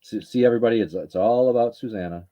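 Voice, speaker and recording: A woman's voice: very deep voice, quick pace, no room sound, muffled recording. A woman hosting a casual reseller livestream chat, teasing and chatty.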